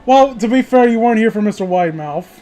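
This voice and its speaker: Quick and animated, a man with a high voice and dark tone hosts a horror story reading show. His casual chat about the stories is rambling, jokey and foul-mouthed, and the noisy home recording carries a distinct hiss.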